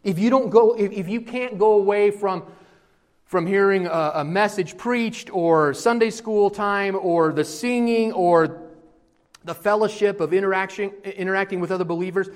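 A male pastor preaching a sermon, addressing his congregation with questions and moving between quiet explanation and emphatic, rising passages. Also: high voice, moderate pace.

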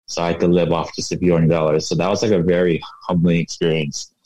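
A man in his thirties, raised in the United States, talking casually as a guest in an interview, relaxed and reflective with lots of "you know". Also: low voice, quick pace, dry recording, poor audio. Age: 30s. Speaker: guest, fashion entrepreneur.

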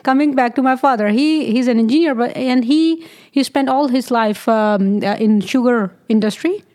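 A woman from Pakistan, a physician, appears as a guest in a studio interview recorded on a studio mic. Her warm voice sits a little high, and she tells her story hesitantly, filling pauses and laughing often.

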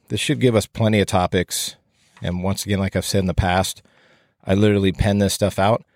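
This podcast host, who is also a firefighting instructor, has a low, slightly mellow voice with no echo. Speaking alone, he wanders casually through his thoughts in a plain, self-deprecating manner, his breaths audible on the close microphone.

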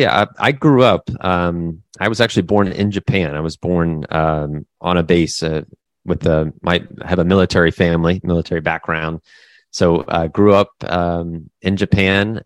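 A man from the American Midwest, talking casually as an interview guest, halting with many fillers and restarts. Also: deep voice, dry recording. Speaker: guest business owner.

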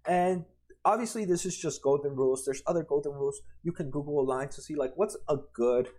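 Going through slides on retirement funds, a personal finance explainer in his twenties keeps things conversational, restarting often and adding "right?" frequently. His slightly high voice is mellow and moves fairly quickly.

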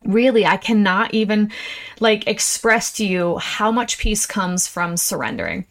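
A woman hosting a motivational podcast from inside an RV, talking in an animated, exclamatory, chatty way with folksy y'alls. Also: medium pitch, a little slow. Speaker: podcast host. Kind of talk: enthusiastic casual motivational monologue.

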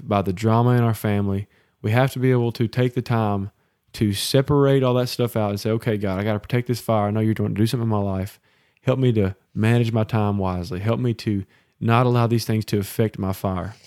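A man's voice: on the low side, fairly even intonation, brisk, darkish tone, dry recording, clean studio sound. A man co-hosting a faith podcast, teaching in a preacherly way, counting off his points and asking for an amen. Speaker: podcast co-host.

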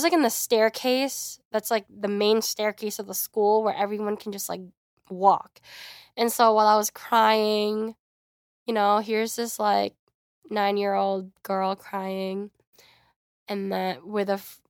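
A young woman hosting her podcast, telling a personal story in a chatty, animated way. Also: mid-range voice, unhurried, clean tone, no room sound, clean studio sound. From United States. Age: young adult. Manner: chatty, frequent "like", animated quoting. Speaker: podcast host. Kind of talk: casual storytelling monologue.

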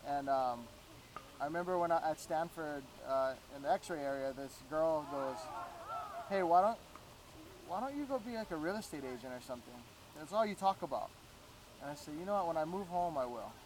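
A Florida real estate agent, guesting on a casual podcast, tells animated stories and acts out what people said to him. His voice is on the high side and a bit fast, with background noise.

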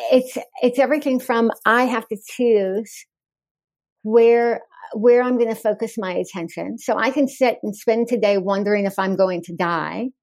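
A woman in her forties speaks frankly as a podcast guest, her wry sense of humor breaking through often in easy laughter. Her voice sits mid-pitch and is recorded close and dry, with no room sound. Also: a little mellow, no room sound. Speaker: guest author. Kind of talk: candid podcast interview.

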